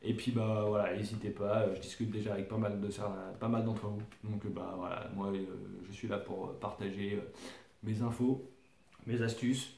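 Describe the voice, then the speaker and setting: A man's voice: fairly low pitch, level tone, moderate pace, a little mellow, a little hiss or hum. A man from France casually presenting his fishing lures to camera, hesitant, with many fillers and restarts. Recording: echoey room.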